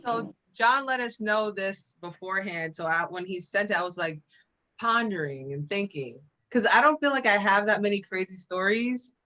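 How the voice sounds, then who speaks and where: A woman's voice: mid-range voice, normal speed, bright, forceful tone. A woman co-hosting a casual live-stream chat, telling stories chattily. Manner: chatty, storytelling. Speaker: co-host. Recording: dull, lo-fi sound.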